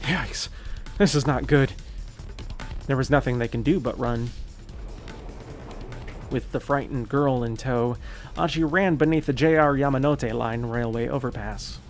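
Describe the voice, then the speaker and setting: A male streamer reads a game's story text aloud at a steady pace. His voice is mid-pitched and plain, and he trips over a word now and then, then corrects himself. Faint music sits low behind him. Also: normal speed. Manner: steady narrating read with occasional slips and self-corrections. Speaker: gaming streamer. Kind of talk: reading a visual novel aloud.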